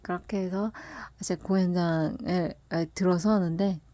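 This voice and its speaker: A woman telling a personal story in a casual, soft, half-whispered way, often breaking into laughs. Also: fairly low pitch, animated, unhurried, dry recording. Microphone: close mic, voice only.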